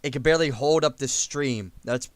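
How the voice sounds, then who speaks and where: A man's voice: mid-range voice, moderate pace, no echo. Laid-back man hosting a stream. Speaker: stream host. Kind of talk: casual chat with friends. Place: home computer setup.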